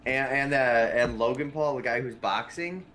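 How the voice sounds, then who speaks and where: A man's voice: mid-range voice, moderate pace, fairly bright tone, a little hiss or hum. A man co-hosting a casual podcast, telling rambling stories full of swearing. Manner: profane, rambling storyteller. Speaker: podcast co-host.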